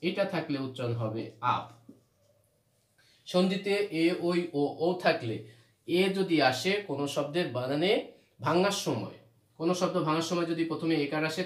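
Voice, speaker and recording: A man from Bangladesh teaching a grammar lesson, repeating rules and asking questions that he answers himself. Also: a little high. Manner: repetitive, asks questions then answers them. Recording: roomy echo.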